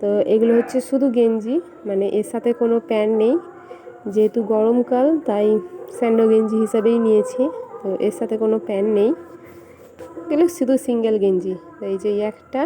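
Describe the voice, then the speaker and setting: A young woman vlogger chatting casually and speaking softly at home so her sleeping son stays asleep. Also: fairly high pitch, steady tone, quick pace, slight background noise. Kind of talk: casual vlog chat. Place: at home indoors. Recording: home recording with music playing nearby. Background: fair music playing nearby.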